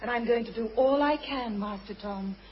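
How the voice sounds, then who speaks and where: A woman's voice: on the high side, normal speed, slight background noise, close to an everyday voice. A woman playing a confident, grand talking cat who serves as a loyal valet, in theatrical pantomime style. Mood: proud, eager. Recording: muffled stage recording with music.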